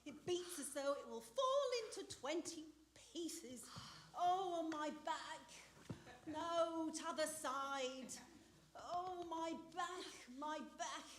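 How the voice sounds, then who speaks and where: A woman acting a fussy, weary old female nurse on a theatre stage, groaning and complaining in drawn-out verse. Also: high voice, big pitch swings, slight background noise. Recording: roomy theatre stage sound.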